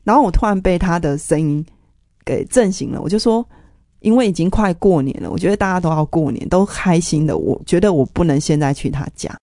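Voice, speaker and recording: Earnest woman with a low, mellow voice. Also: lively intonation, brisk, no room sound, clean studio sound. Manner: earnest, emotional retelling of family conflict. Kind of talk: personal testimony storytelling.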